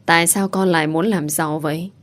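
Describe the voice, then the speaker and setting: A woman voicing a caring young father who speaks softly and slowly. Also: on the low side, steady tone, lightly acted. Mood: tender. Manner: soft, slow, tender.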